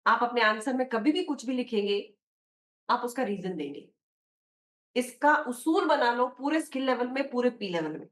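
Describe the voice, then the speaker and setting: A woman teacher with an Indian accent, giving an exam prep lecture in a mix of Hindi and English, explaining slowly and quizzing her students. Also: on the high side, lively intonation, a bit bright. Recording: echoey room.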